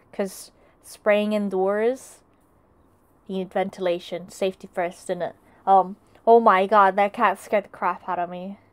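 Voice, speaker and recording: A young woman who streams arts and crafts talks casually with her live chat as she works, greeting viewers and often restarting her sentences. Her voice is smooth and mid-range.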